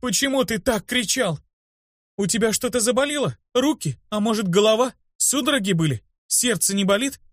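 A bossy, worried young healer woman who fires off questions and scolds. A man acts her out, raising his voice high, with a close, dry studio sound. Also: expressive, dry recording. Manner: scolding, fussing, quick questions.

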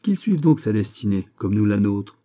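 A man's voice: fairly low pitch, sing-song, moderate pace, dark tone. A man reading aloud, voicing a stern middle-aged king with a commanding, raised voice.

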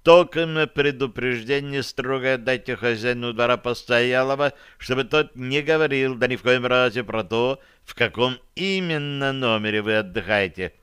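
A man's voice: mid-range voice, normal speed, few pauses, fairly bright tone, smooth, no room sound, studio quality, close to an everyday voice. A man voicing a stern, folksy male gang enforcer who draws out his commands in old-fashioned speech. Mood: instructing.

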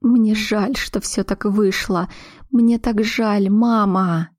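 A woman's voice: medium pitch, a little slow, a little mellow, no room sound, clean studio sound. A woman voicing a wounded, emotional grown daughter, pleading and breaking with feeling, in a read audiobook. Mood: tearful.

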